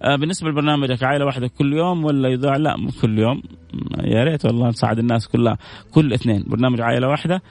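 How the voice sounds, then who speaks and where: A man hosting a religious radio talk show, telling stories with lively jumps in pitch and reading out listener messages. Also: racing, dry recording. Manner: lively storytelling with sudden high pitch jumps. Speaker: radio host and preacher.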